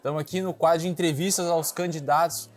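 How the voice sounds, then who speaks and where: A man in his twenties hosting a casual political interview show, relaxed and joking, with frequent listening sounds. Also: a little high, fast talker, faint music behind. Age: 20s.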